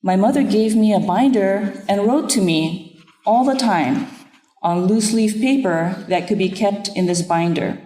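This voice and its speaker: A woman minister whose first language is Japanese delivers an earnest, reflective sermon at a steady, measured pace. Her voice sits at an ordinary middle pitch for a woman. It rings out in a roomy worship hall with a long, trailing reverb. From Nepal. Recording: echoey room with long reverb.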